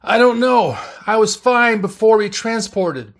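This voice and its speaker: A man's voice: sits high, animated, measured pace, a bit bright, voice pushed up, full character voice. A man voicing a wounded young male starship navigator, speaking in a strained, breathless way.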